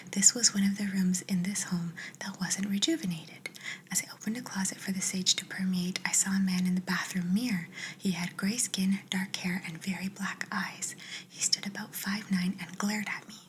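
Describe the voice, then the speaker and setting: A young adult woman, an ASMR creator, reading viewers' stories in a soft, steady whisper. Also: mid-range voice, a little hiss or hum, low-quality recording.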